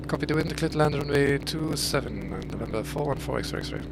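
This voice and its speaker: Gravelly man on a pilot headset. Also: on the high side, lively intonation, a little fast, heavy background noise. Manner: clipped radio phraseology with hesitant fillers. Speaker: simulator pilot. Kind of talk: radio calls to a tower as pilot.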